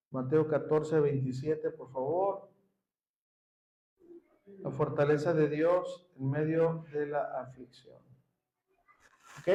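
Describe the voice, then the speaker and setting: A man's voice: on the high side, darkish tone, roomy sound, low-quality recording. A man with a Mexican Spanish accent preaching a sermon, earnestly addressing his congregation as brothers and rising into emphatic peaks. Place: church hall.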